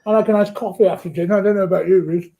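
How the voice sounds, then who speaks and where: A man commentating live on a rugby match who gets excited and breaks into shouts at big plays. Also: high-pitched, very fast.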